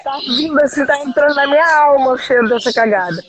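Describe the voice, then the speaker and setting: A woman's voice: high voice, quick pace, poor audio. A Brazilian woman with a Brazilian Portuguese accent, out of breath and complaining as she works out on a livestream. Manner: groaning and complaining through the effort. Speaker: livestream host doing a workout. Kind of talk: casual chat during exercise.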